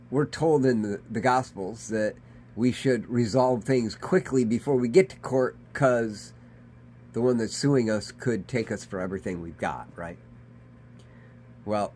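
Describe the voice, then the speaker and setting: A man's voice: fairly low pitch, a little slow, darkish tone, slight background noise. A man, a pastor, giving a conversational daily devotional sermon in an earnest manner. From Michigan. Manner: conversational, earnest, dramatizes quoted voices.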